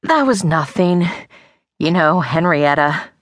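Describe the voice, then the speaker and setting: A woman's voice: low voice, animated, slow pace, dry recording, studio quality. A woman voicing a small, fearful young male dinosaur in a children's storybook, anxious and pleading. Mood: nervous bluffing.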